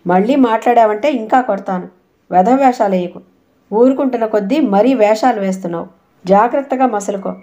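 Woman reading a drunk husband, domineering, gruff taunts, mellow tone, audiobook. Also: mid-range voice, fairly quick, close to an everyday voice. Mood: gruff angry.

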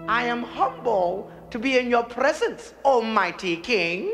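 Booted cat servant, flamboyant, deferential, slow theatrical delivery, animated pitch, fairy-tale drama. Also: male voice, big-room sound, music in the background, exaggerated voice. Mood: fawning. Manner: florid, showy, deferential. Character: wily, flamboyant, courtly talking cat servant in boots.

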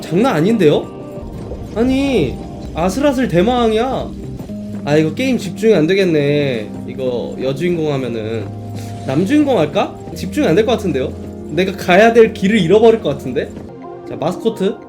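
High-pitched, lively man streaming. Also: normal speed, over music. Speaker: streamer reacting to game footage. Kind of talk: casual live reaction commentary.

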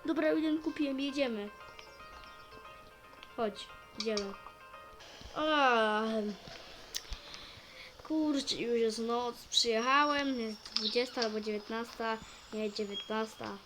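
High voiced woman rambling through a role-play game, excitable, music going in the background. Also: a little slow, poor audio. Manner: chatty, narrates own actions, excitable outbursts. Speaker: gamer playing a role-play story. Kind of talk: casual in-character role-play narration.

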